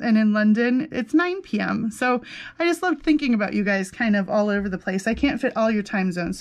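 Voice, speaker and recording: High-voiced, effusive woman chatting. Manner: rambling, effusive, exclamatory. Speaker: crafting channel host. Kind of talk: casual chatty vlog. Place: indoors at a desk with a laptop.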